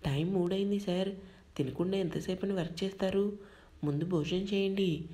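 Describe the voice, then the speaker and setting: A woman voicing a timid young female assistant who pleads softly with her boss. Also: mid-range voice, moderate pace, close to an everyday voice. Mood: pleading.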